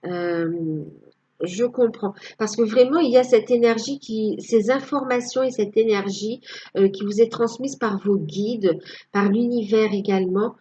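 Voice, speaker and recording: A woman's voice: medium pitch, unhurried, mellow, husky, highs cut off. A woman giving a casual tarot reading to her viewers, hesitant and full of fillers. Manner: hesitant, many fillers, tags with "hein". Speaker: tarot card reader.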